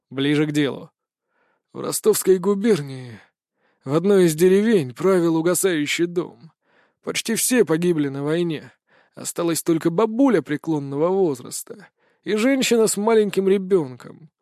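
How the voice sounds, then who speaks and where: A cold, rasping old schemer sneers through his confession in an audiobook, as a man reads him. The voice sits a little high, and the sound is dry and close. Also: darkish tone, dry recording. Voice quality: rasping, scornful. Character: cruel old male high councillor, villain.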